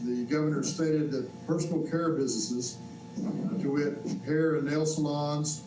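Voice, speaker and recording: A man giving a formal, measured briefing to a council, his mic cutting in and out so the volume keeps jumping. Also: fairly high pitch, steady tone, music in the background. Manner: measured, reads out dates and lists. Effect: mic cutting in and out, uneven volume. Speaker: city staff member briefing council. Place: council chamber. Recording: echoey room, voice far from mic.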